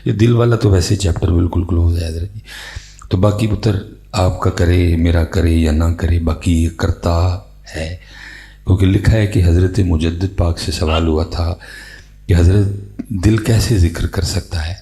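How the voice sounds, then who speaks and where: A man giving a religious talk at a conference, opening with slow chanted recitation and then preaching in a close, conversational way. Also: sits low, steady tone, vocal fry, mellow. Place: conference stage.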